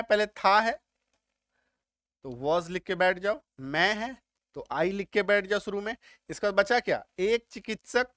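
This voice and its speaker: A man with a high voice teaches an English grammar lesson at an unhurried pace. He walks through each step and keeps asking whether the point is clear. The recording is dry and close, with no room sound. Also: fairly bright tone, no echo. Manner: explains step by step, keeps checking if students understood.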